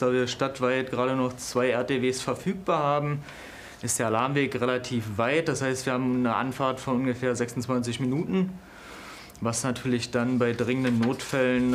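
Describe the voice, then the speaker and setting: A man in his thirties, a fire station shift leader, briskly explaining indoors. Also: medium pitch, fairly even intonation, slight background noise. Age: 30s. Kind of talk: explaining at work.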